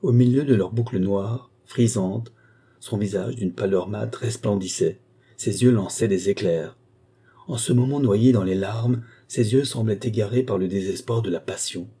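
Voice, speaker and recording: A man reading a novel aloud in a measured, dramatic narration. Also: lowish voice, warm tone, breathy edge. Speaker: audiobook reader. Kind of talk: scripted narration.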